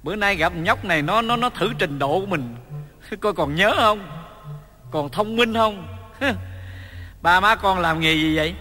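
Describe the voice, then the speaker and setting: An actor playing a playful, joking old grandfather, in a stage comedy sketch, talking in a teasing, excitable way. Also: high-pitched, unhurried, pauses often. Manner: teasing, excitable, laughs a lot. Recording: long hall reverb, music behind.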